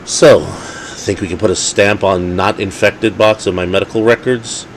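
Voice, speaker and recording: A man voicing a battered, bitter male werewolf hero, speaking low and strained. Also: steady tone, fast talker, slight background noise.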